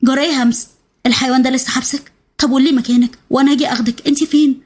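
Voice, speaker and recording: A woman's voice: high voice, fairly even intonation, darkish tone. A woman voicing a frantic, protective female friend with an Egyptian accent, talking urgently in a storybook reading. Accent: Egyptian Arabic. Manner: urgent, rapid, coaxing with a child.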